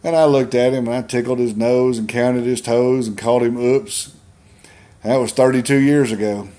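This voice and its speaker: A man in his fifties with a Southern US accent, telling funny family stories in a folksy, deadpan way and acting out the quotes. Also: medium pitch, normal speed. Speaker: storyteller. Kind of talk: stand-up storytelling.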